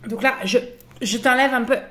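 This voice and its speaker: A woman's voice: on the high side, fairly even intonation, moderate pace, fairly bright tone, a little hiss or hum, lightly acted. A woman playing a ditzy online energy healer in a comedy sketch, cooing, over-familiar and fake-soothing.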